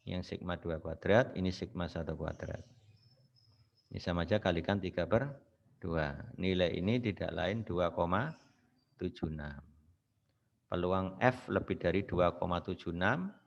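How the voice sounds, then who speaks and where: A very low-pitched male lecturer works through a statistics problem one step at a time. He keeps checking in with the class through short rhetorical questions. The recording sounds dull and lo-fi. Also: moderate pace, creaky, pauses often. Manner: explains step by step with frequent rhetorical questions and "ya" tags.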